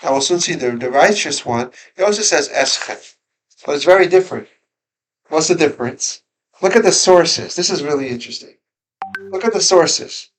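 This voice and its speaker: Male teacher, higher voice, casual classroom lesson with lots of questions and restarts. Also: lively intonation, moderate pace, rough recording. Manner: conversational, questions the students, frequent restarts. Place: school classroom.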